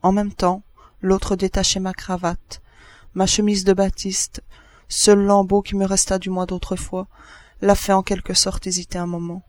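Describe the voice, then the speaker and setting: Man reading with high, even pitch. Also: dry recording. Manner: measured first-person reading with short pauses. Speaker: narrator. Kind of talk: scripted narration of a literary text.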